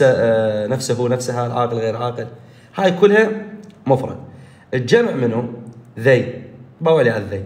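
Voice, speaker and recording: Iraqi guy teaching english grammar online, asks then answers himself, mid pitch, roomy echo. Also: a little mellow. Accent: Iraqi Arabic. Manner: explains step by step, asks and answers his own questions.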